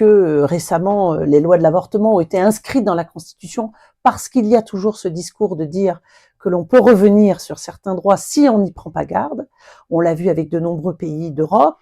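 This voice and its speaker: A woman's voice: mid-range voice, warm tone. A woman hosting an interview, asking long, formal questions. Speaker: host, interviewer.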